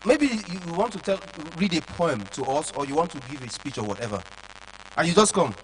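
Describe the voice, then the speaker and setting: A man teaches public speaking to children in a lively, high voice. He keeps stopping to check that his listeners follow. A faint hum sits under his words. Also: brisk, rough recording. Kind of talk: lecture to children.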